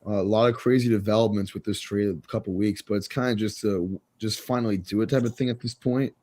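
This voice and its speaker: A man's voice: lowish voice, steady tone, fast talker, mellow. A man co-hosting a sports podcast, talking loosely with many fillers and jokes. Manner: loose, filler-heavy, joking. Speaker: podcast co-host. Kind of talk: casual sports talk.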